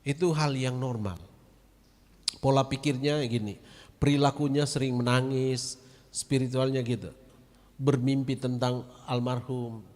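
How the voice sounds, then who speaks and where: A man's voice: mid-range voice, fairly even intonation, measured pace, long pauses, darkish tone. A man, a pastor and grief counselor giving a chatty, direct training talk to church members. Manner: chatty, direct, addresses audience as Bapak Ibu. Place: church hall. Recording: long reverb of a hall.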